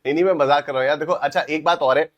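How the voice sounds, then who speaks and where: A young man teaching a live online class, energetic and playful, teasing students and mixing in English phrases. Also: a little high, very fast, highs cut off. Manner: mixes Hindi and English.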